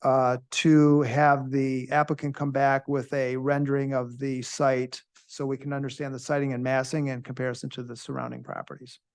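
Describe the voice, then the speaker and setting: A man's voice: mid-range voice, level tone, normal speed, hardly any pauses, a little mellow, smooth. A man who is new to the commission, making a motion at a public meeting, tentative, polite and deferential.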